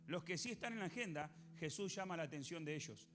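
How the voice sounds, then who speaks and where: An Argentine man preaches from the pulpit with a high, lively voice that leaps up and down as he quizzes his congregation. His tone is bright and forceful, and soft music plays behind him. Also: fast talker. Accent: Argentine Spanish. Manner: animated, questions the congregation, acts out biblical voices. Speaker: pastor. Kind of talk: sermon.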